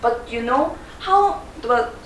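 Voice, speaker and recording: A young Korean woman presents in English with a Korean accent before a live audience in a large room, quizzing listeners and laughing often. Her fairly high voice is slow with lively intonation, and the distant, echoey recording has a little hiss or hum.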